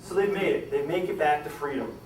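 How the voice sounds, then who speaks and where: A man's voice: brisk, slight background noise. Dramatic male storyteller in an echoey room. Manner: dramatic, acts out quoted lines with rising pitch and volume. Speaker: historical storyteller giving a talk. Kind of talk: live storytelling to an audience. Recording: echoey room, distant mic, faint ambience.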